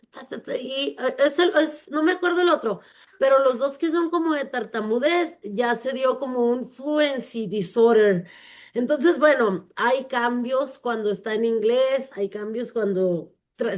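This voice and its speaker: Hesitant woman hosting a forum. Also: a little high. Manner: rambling, hesitant, searches for words. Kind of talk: casual panel chat.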